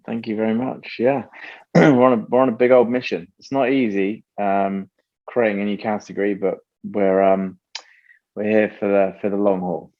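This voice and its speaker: A male company founder speaking as an interview guest, animated and tangential, often laughing as he talks. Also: lowish voice, normal speed. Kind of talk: casual interview conversation. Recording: dull lo-fi remote audio.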